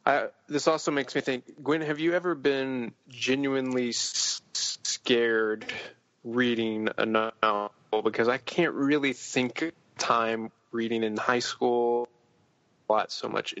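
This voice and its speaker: A man hosts a podcast, asking questions in a halting, casual way. His voice is dry and close, with dull lo-fi sound. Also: medium pitch, steady tone, fairly bright tone, dry recording. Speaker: podcast host. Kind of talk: casual chat.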